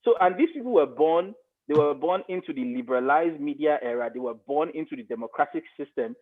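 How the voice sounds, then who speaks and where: Animated and a little fast, this middle-aged Nigerian man speaks a little high as a media expert in an interview. His conversational commentary is emphatic, with repeated phrases, and the audio sounds thin and phone-like.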